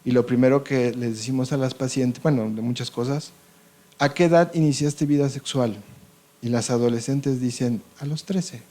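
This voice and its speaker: A male doctor with a Mexican Spanish accent gives a medical lecture to a live audience. His voice is dark and mellow, and he keeps asking the room "ok?" to check that they follow. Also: mid-range voice, fairly even intonation, normal speed. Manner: conversational, checks in with frequent "ok?" and "¿sí o no?".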